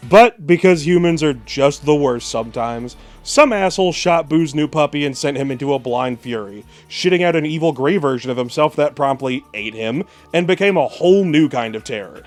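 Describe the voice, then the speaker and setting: A man's voice: a little high, animated, normal speed, hardly any pauses. Wry male storyteller over light music. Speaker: show co-host. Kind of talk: scripted versus-show narration. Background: faint background music.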